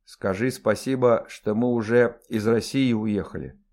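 A man's voice: fairly low pitch, measured pace, darkish tone, close to an everyday voice. A man voicing a coarse young noblewoman who scolds her servant bluntly. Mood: scolding. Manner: gruff scolding.

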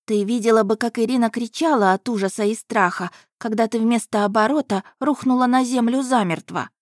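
A woman's voice: on the high side, brisk, no room sound, clean studio sound, pitched above the performer's own voice, natural voice. A woman voicing a doting, stout old nanny who fusses and laments over her charge. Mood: fussing. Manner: lamenting, fussing.

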